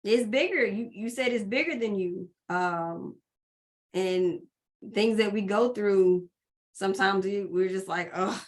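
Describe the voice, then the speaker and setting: A woman's voice: medium pitch, measured pace. Emotional woman hosting a call. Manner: emotional, fighting back tears, reading comments. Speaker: host. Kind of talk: casual chat on a group call.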